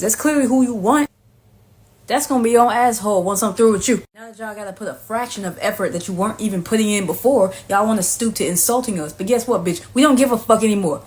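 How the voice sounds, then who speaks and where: A woman's voice: medium pitch, a little mellow. Brash, profane woman ranting to camera. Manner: brash, sassy and profane, often adds "okay?". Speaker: vlogger. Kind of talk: profane comedic rant to camera.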